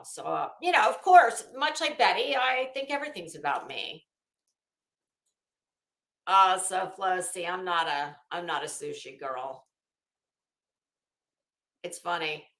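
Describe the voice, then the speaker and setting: An American woman hosts a livestream in a voice on the low side with a fairly bright tone. She chats with viewers bluntly, emphatically and casually, and the recording sounds echoey and roomy.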